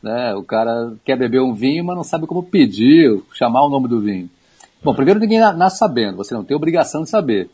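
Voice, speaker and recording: A man's voice: medium pitch, very animated, quick pace, warm tone, slightly rough. A man talking about wine on a radio show, explaining things in an easygoing way with small asides.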